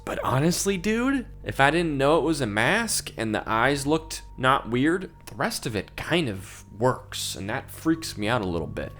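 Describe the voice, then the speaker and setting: A man's voice: medium pitch, a bit bright. A young man hosting a casual reaction video, rambling and easily creeped out, often laughing, with faint music behind him.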